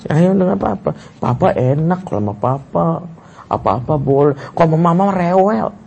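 A man's voice: fairly high pitch, animated, moderate pace, creaky, dark tone, slightly rough, muffled recording, pitched above the performer's own voice, exaggerated voice. A male preacher voicing a cheeky primary-school boy who talks in a casual, offhand way.

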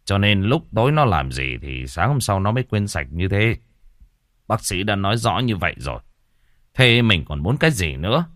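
Level-headed middle-aged father, low steady voice, audiobook, voiced by the narrator. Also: moderate pace, no room sound, clean studio sound. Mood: reasoning. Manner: reasoning, matter-of-fact.

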